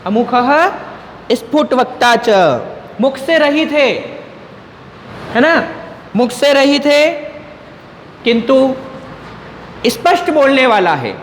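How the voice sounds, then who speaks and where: Brief: high-pitched male teacher, unhurried, chants verses and repeats each point, echoey room. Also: expressive, a bit bright. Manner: chants Sanskrit verses slowly, repeats each explanation twice. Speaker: Sanskrit teacher. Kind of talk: slow explanatory lesson, reciting verses then explaining. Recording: echoey room with long reverb, faint noise.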